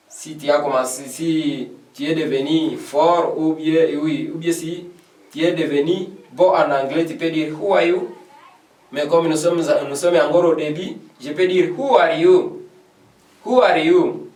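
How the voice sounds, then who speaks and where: Male teacher, high voice, slightly distant from the mic, patient repetition of drills. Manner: repeats example phrases slowly and deliberately. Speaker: English teacher. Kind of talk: beginner language lesson. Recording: echoey room, voice from a distance.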